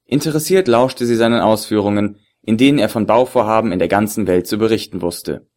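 A man reading a story aloud in an even, measured narration. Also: on the low side. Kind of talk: scripted narration.

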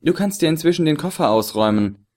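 A man reading an audiobook voices a male hotel guest in back pain, strained and a bit higher. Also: expressive, quick pace, a little mellow, close to an everyday voice. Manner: strained, reluctant.

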